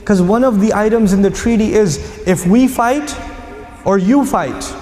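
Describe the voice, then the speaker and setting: A man giving an emphatic, animated Qur'an lecture with storytelling, in a mosque or lecture hall. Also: sits high, measured pace. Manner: animated, emphatic, acting out quotes. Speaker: Islamic lecturer. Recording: echoey hall, faint noise.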